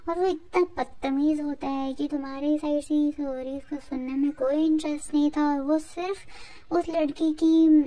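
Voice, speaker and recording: Woman, high mellow voice, chatty informal storyteller recapping a drama. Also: steady tone, normal speed. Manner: chatty, informal, mixing in English words.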